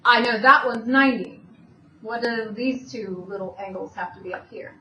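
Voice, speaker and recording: A woman with a high voice teaches math, going step by step and answering the questions she asks the class. She sounds far from the mic in a roomy space. The recording is dull, with a faint hiss behind her. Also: normal speed, sharp tone. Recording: distant, dull, echoey room with faint noise.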